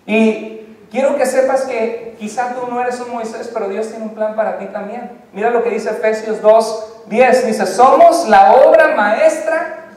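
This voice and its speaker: A man, preaching a lively sermon straight to his congregation. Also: sits high, measured pace. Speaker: pastor. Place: church sanctuary. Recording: echoey church hall from a far-off mic.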